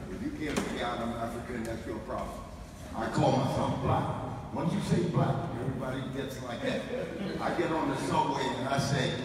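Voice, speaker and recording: Blunt man in his eighties, echoey hall. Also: medium pitch. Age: 80s. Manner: blunt, provocative, rambling. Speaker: public commenter. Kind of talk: speaking off the cuff at a public forum. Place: large school auditorium. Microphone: handheld mic on a PA, filmed from the seats. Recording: echoey hall from far off with room noise.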